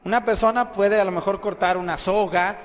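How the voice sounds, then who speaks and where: A man's voice: high-pitched, fairly even intonation, brisk. A man, a priest giving an emphatic sermon and questioning the congregation. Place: church. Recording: echoey hall, faint background ambience.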